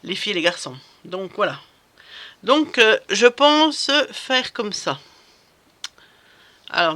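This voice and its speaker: A woman talks her way through a crafting project in a loose, rambling vlog chat, stumbling over restarts and fillers. Her voice is bright and a little sharp, with a faint hiss in the background. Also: medium pitch. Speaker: crafting vlogger. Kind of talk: casual chat while crafting.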